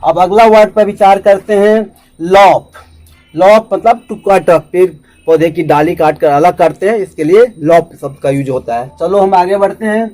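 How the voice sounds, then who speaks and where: A man with an Indian accent teaching English vocabulary in Hindi, spelling each word out and repeating it slowly. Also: high voice, darkish tone, low-quality recording.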